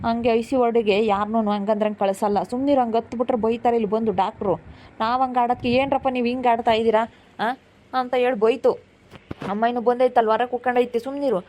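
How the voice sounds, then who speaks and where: A woman playing an aunt who keeps hushing and comforting crying relatives at a hospital. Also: a little high, steady tone, fast talker, a little hiss or hum, natural voice. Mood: coaxing. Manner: soothing, coaxing, repeats "hush".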